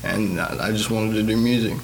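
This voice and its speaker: A young man talks about his band in an earnest, rambling way. His voice is low and gravelly, and clear background noise runs under it. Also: steady tone, a little fast. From Mississippi. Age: young adult. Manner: earnest, rambling, with fillers and restarts. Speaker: band guitarist and singer. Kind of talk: casual interview answers. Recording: noisy background ambience.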